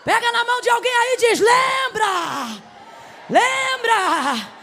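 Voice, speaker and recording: Woman preacher, very high voice, gravelly edge, fervent sermon, dramatic storytelling. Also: animated, slow, crowd noise, background noise. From Brazil. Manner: dramatic storytelling, building to shouted exhortation. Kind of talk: emotional sermon. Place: church congregation.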